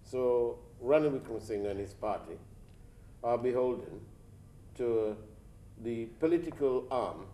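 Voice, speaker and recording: Hoarse Sri interviewer, challenging questions. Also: male voice, medium pitch, lively intonation, a little slow, pauses often, dark tone, slight background noise. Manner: challenging, pressing follow-up questions. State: losing his voice, coughing. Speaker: news show interviewer. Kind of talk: studio news interview.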